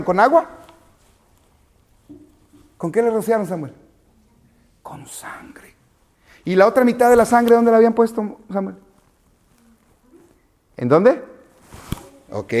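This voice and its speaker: A high-pitched, slightly mellow male voice guides children through an interactive Bible class, posing questions patiently and calling pupils by their names.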